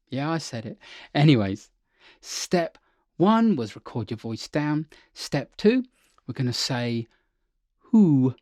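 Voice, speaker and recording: A man's voice: fairly high pitch, darkish tone, no room sound, studio quality. Upbeat male vocal coach. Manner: upbeat, chatty teacher with slang check-ins. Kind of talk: singing lesson.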